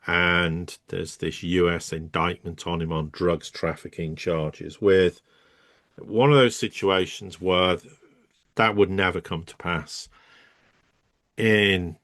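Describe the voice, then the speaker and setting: A man's voice: deep voice, fairly even intonation, slow, a bit bright, dry recording, clean studio sound. A man, co-hosting and giving emphatic, rambling geopolitical commentary. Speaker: co-host.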